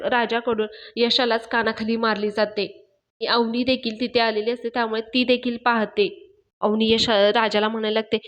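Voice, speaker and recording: A woman hosting a TV serial review, recapping an episode in a chatty storytelling way. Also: a little high. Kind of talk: casual episode recap narration.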